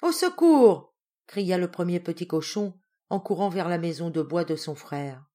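A woman narrating a traditional fairy tale as an audiobook reader, in an expressive storytelling way. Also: on the low side, normal speed. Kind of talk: storybook reading.

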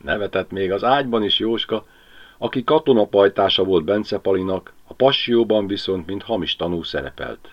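Male narrator, audiobook, low voice, lively expressive reading, lo-fi sound. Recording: lo-fi home audiobook recording.

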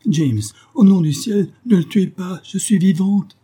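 A man's voice: sits high, a little slow, mellow, breathy edge, voice pushed up. A man voicing a young actress calling out. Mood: pleading. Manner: pleading, calling out. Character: young actress crying out on horseback.

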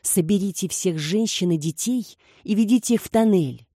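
A woman's voice: medium pitch, moderate pace, warm tone, breathy edge, dry recording, clean studio sound, close to an everyday voice. A woman voicing a resolute young woman who gives firm, urgent orders. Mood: commanding.

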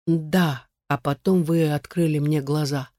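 A reader of an audiobook voicing a weary, gently ironic immortal man who speaks softly and sounds worn out. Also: medium pitch, fairly even intonation, a little slow, no echo, studio quality, natural voice. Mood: detached, mild.

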